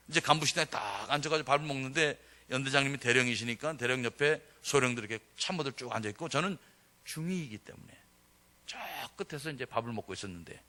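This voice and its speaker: A middle-aged man, a pastor, preaching a sermon as a story and acting out the voices of the people in it. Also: medium pitch. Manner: animated storytelling that acts out quoted voices.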